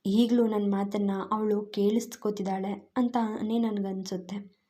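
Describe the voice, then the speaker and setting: A woman voicing a grieving widowed father in a spoken storybook, with a soft, trembling, subdued voice. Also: mid-range voice, level tone, a little slow, natural voice. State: voice trembling with grief.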